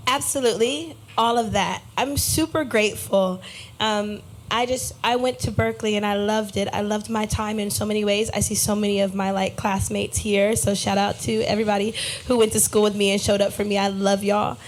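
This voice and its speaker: A woman's voice: medium pitch, moderate pace, a little hiss or hum, poor audio. Earnest young woman at a live cafe talk. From United States. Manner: warm, earnest and reflective, with lively quoted voices. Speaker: guest musician. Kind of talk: casual live interview. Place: live cafe event before an audience.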